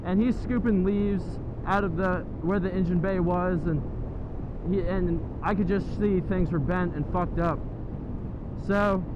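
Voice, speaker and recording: High-pitched young American man inside a motorcycle helmet. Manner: rambling, casual, foul-mouthed. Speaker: motorcycle vlogger. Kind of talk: casual storytelling while riding. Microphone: helmet-mounted microphone. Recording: muffled helmet mic, loud engine and road noise.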